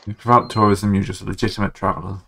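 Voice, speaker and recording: A man with a fairly low voice, running a tabletop game as game master. He talks in a relaxed, easygoing way, pausing to think. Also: vocal fry, a little hiss or hum.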